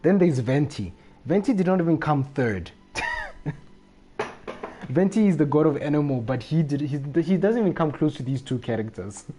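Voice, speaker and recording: A man with a warm, medium-pitched voice chats casually as a live game streamer, rambling and frequently repeating his phrases.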